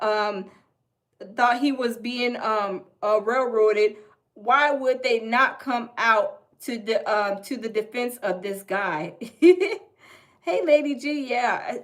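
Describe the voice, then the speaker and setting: Chatty high-voiced Southern woman. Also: takes it slowly. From American South. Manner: chatty, folksy, repeats herself. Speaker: livestream host. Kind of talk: casual livestream chat, reading viewer comments.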